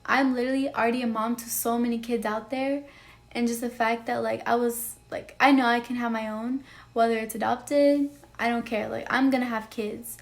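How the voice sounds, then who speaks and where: Young woman, 19, confessional vlog. Fairly high, flat delivery, emotional and rambling. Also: normal speed. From Texas. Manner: emotional, rambling, heavy use of "like". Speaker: vlogger. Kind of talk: personal storytime vlog.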